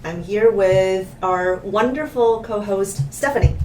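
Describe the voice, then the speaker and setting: A woman's voice: medium pitch, takes it slowly, a little mellow. A woman hosts a student interview show, asking questions and adding short encouraging murmurs. Her voice sounds roomy and a little distant, with faint noise behind. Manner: brief, encouraging backchannels. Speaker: host. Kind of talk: hosting an interview.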